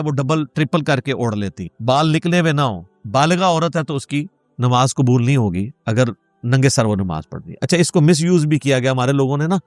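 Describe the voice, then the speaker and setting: A man's voice: a little high, no echo. A man giving a religious question-and-answer lecture, explaining rulings and citing hadith in a patient, explanatory way. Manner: explanatory, cites hadith, code-switches English words.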